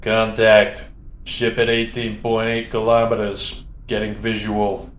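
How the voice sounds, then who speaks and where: A man's voice: lowish voice, monotone, measured pace, a bit bright. A man voicing a terse male tech officer who gives clipped, matter-of-fact reports. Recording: roomy echo.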